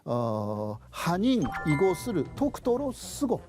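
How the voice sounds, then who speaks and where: A man's voice: high-pitched, huge pitch swings, takes it slowly, music in the background. A man, a professor and native Japanese speaker, lecturing on history with a Japanese accent in a didactic way, posing questions and then answering them.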